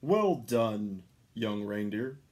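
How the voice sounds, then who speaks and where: A man voicing a hearty, jolly old Santa for a children's storybook, with booming, drawn-out exclamations. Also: expressive, darkish tone. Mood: hearty, rallying. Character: jolly, hearty old male Santa Claus, cheerfully reassuring.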